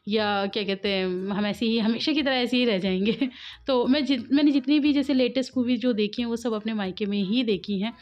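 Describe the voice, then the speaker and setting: A woman with a slightly high voice and a sore, coughing throat narrates her home cooking vlog in a rambling, chatty voice-over. She laughs often and wanders off into side stories. The recording sounds dull and lo-fi. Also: brisk.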